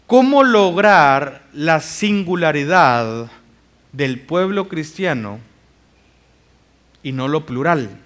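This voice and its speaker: A man's voice: a little high, animated, slow pace, pauses often, fairly bright tone. A male pastor preaching a sermon, reading scripture aloud and putting rhetorical questions to the congregation. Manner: reads scripture passages aloud.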